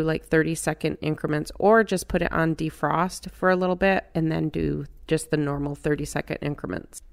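A middle-aged woman narrating her home cooking step by step in a relaxed, chatty way. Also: fairly low pitch, smooth. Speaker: cooking channel host.

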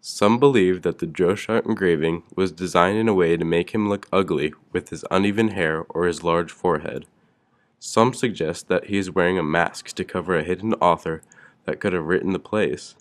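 A man narrating a school project presentation, reading steadily from a script. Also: low-pitched. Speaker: student presenter.

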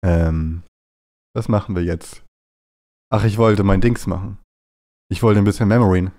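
Playful, low-voiced man streaming with a cold. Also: steady tone, a little slow, warm tone. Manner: playful, jumpy, often breaks into silly bits. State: stuffy, runny nose from a cold. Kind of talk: casual live-stream chat while gaming.

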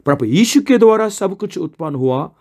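A man preaching a sermon with a fairly high voice and a dark, mellow tone. He is earnest and explains as he goes, often asking a question and then answering it himself. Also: expressive, moderate pace.

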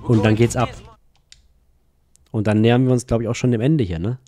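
A man hosting a let's play, giving casual gameplay commentary in an excitable way, swearing and laughing at the game. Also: mid-range voice, a little fast, soft background music.

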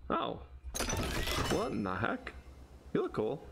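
A man's voice: medium pitch, huge pitch swings, slow, creaky, noisy background. A young man streaming a video game from a small room, giving casual commentary. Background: game music.

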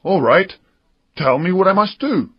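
A brave young boy sailor, eager and earnest, with a raised, lively voice that bounces up and down, as a male storybook narrator puts him on. The tone is husky underneath, and the recording sounds slightly muffled. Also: high-pitched, a little slow, no echo, pitched above the performer's own voice, exaggerated voice. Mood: determined.

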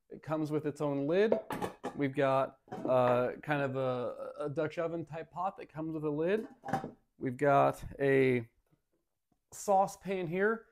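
Slightly high and a bit mellow, this American man's voice carries a little hiss or hum on the recording. In his thirties, he's showing off a product on camera at home between the dining room and kitchen, upbeat, casual and folksy.

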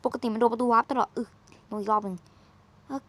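Chatty high-voiced woman playing a game. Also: fairly even intonation, fast, a bit bright, no room sound. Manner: chatty, teasing, exclaims often. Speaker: gaming streamer. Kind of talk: casual game commentary.

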